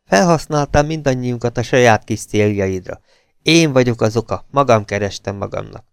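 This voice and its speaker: A man's voice: mid-range voice, expressive, vocal fry, clean tone, dry recording, studio quality. A man voicing a bitter, angry man who speaks curtly and harshly. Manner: curt, harsh delivery. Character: bitter, angry middle-aged man, curt and cold.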